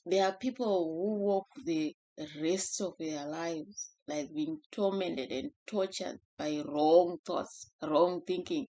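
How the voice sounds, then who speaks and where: Slow, low-pitched woman giving a gentle devotional talk. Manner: unhurried, gentle, with fillers and self-corrections. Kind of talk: personal devotional teaching.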